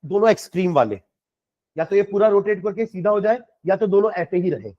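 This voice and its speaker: A man teaching a chemistry class, explaining patiently, asking his students questions and dictating notes slowly with repetition. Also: sits high, expressive, lo-fi sound.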